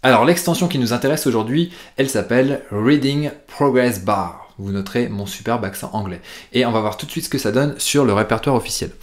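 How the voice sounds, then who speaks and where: Brief: French man, mid-pitch, hosts a relaxed screen-share tutorial, talkative with lots of "euh". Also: fast talker. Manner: chatty, lively, with frequent fillers. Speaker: host of a plugin tutorial show.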